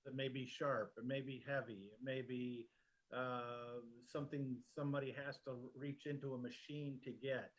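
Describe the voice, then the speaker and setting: A man's voice: medium pitch, little pitch movement, normal speed, highs cut off. A man who runs his family's company, speaking confidently and matter-of-factly in a video testimony. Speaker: company owner.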